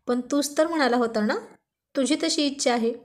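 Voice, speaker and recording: A woman's voice: high voice, moderate pace, lightly acted. A woman doing a feisty young wife. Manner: sulky, scolding.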